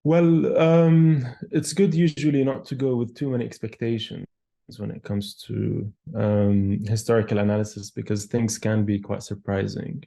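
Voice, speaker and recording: A man in his thirties from Palestine, an architectural historian, answering interview questions in a thoughtful, measured way with frequent pauses and fillers. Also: fairly low pitch, level tone, gravelly, dark tone. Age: 30s.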